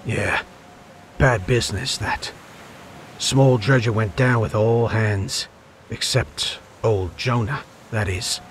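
Man doing a deep, grim old fisherman. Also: takes it slowly, long pauses, slight background noise. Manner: low, gloomy storytelling. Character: older male fisherman, grim and deep-voiced.

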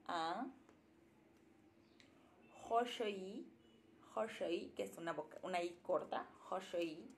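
A woman casually thinking aloud during a live study session, slowly sounding out letters as she writes them. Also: medium pitch, a bit bright, a little hiss or hum. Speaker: language learner streaming her study sessions.

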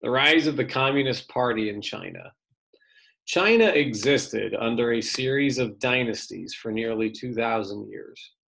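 A male teacher reading an article aloud to his students for an online lesson, steady and plain with brief casual asides. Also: medium pitch, measured pace, gravelly.

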